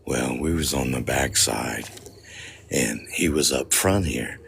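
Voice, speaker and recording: A man with a strikingly deep voice tells stories to his livestream viewers, joking, swearing and breaking into laughter. He speaks slowly and easily, recorded outdoors in a cemetery at night with a faint hiss behind him. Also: gravelly, fairly bright tone. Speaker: paranormal vlogger. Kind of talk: casual storytelling to a livestream audience.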